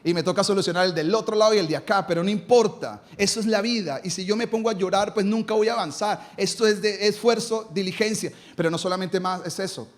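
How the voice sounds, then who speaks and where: High-voiced pastor preaching emphatically. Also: male voice, fast, few pauses. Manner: emphatic, asks rhetorical questions and answers them. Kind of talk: live sermon. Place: church.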